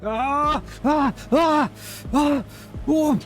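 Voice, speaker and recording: Casting: male player as dazed, moaning crash casualty in game role-play, swearing through pain, loud music underneath. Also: mid-range voice, expressive, measured pace, close to an everyday voice. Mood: agonized, panicked. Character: dazed, groaning injured man after a helicopter crash.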